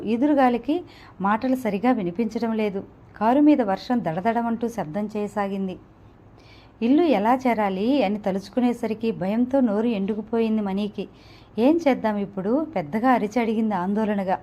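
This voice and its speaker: A woman reading a serialized novel aloud in even, measured narration. Her voice is slightly high with a mellow, soft tone. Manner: even, storytelling delivery. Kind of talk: scripted narration.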